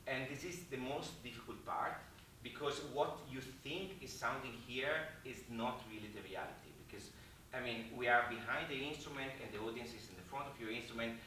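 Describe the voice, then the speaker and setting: A man with an Italian accent giving a lively talk to musicians about practicing, now and then slipping into Italian words. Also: medium pitch, moderate pace, few pauses, a little hiss or hum. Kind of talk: lecture to musicians. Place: hotel event hall. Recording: echoey hall from far off.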